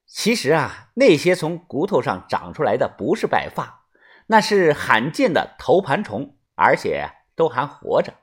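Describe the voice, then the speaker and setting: A man voicing a cold, scheming woman who speaks in a calm, measured, sneering way, in a storytelling audiobook. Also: mid-range voice, slightly rough, voice pushed down, full character voice.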